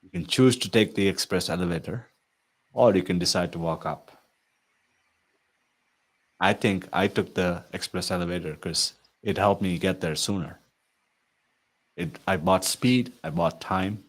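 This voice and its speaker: Deep-voiced man pitching IT consulting. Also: a little slow, long pauses. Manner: earnest, persuasive, repeats "right?". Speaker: IT consulting coach. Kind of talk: promotional talk to viewers.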